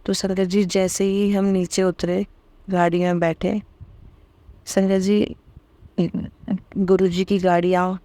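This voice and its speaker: Devout woman sharing, warm mellow voice. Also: medium pitch, little pitch movement, takes it slowly, pauses often, dry recording. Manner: emotional, repeating words of thanks softly. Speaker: devotional satsang host. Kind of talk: devotional testimony talk.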